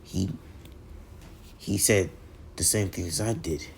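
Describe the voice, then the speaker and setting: A man voicing a stern, strict male teacher who speaks flatly. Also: deep voice, takes it slowly, creaky, a little hiss or hum, exaggerated voice.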